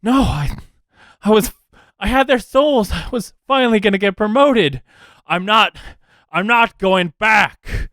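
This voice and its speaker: A woman's voice: lively intonation, a bit bright, dry recording, studio quality. [name], a man doing a frantic, whiny she-devil. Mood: desperate. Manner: rushed, pleading, high-strung. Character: scheming female devil, whiny and desperate.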